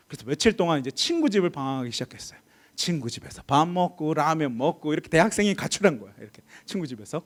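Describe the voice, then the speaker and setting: A young man preaching a sermon in a church service, telling a personal story and acting out the people in it, swinging between shouts and whispers. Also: high-pitched.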